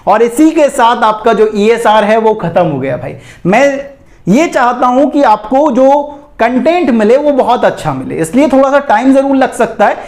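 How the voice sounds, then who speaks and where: An extremely high-pitched man from India, speaking at normal speed with lively intonation, runs a casual exam-prep chemistry lecture. He calls students "beta" and "bhai," checking in over and over with "theek hai" and repeating "ye dhyan rakhen."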